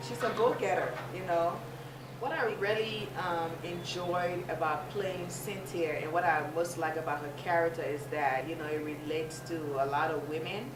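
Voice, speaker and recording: A woman, an actress, describing her film role in an upbeat, casual interview manner. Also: lowish voice. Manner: upbeat, many fillers. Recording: echoey and distant with noise. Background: ambient noise.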